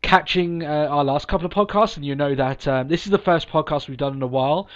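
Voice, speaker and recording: Sniffling from a cold, a man hosts a podcast and talks fast in a fairly high voice. He's upbeat and casual, rambling with plenty of ums and false starts, on a dull, lo-fi recording.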